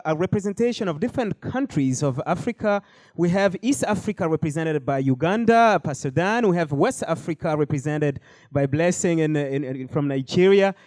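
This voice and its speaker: A man's voice: on the high side, darkish tone, dry recording. A man hosting a panel discussion, speaking with frequent hesitations and fillers. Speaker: host.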